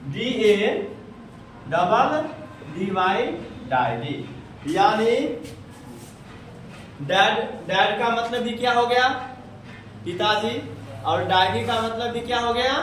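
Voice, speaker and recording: A man teaching English in a Bihari Hindi accent keeps asking his students questions repeatedly. His high-pitched, a bit bright voice has lively intonation, and he takes it slowly with frequent pauses. The mic is far away in an echoey classroom, with slight background noise.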